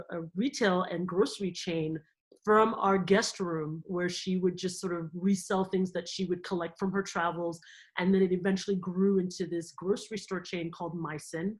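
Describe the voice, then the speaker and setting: A woman from Cameroon, a guest in an interview, telling stories in a lively, animated way and laughing often. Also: fairly low pitch, rough recording. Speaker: guest, theme park company executive. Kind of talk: conversational interview.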